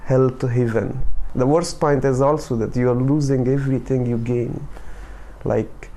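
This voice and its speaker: A man's voice: mid-range voice, steady tone, normal speed, mellow, poor audio. A man speaking as an interviewee in a news report.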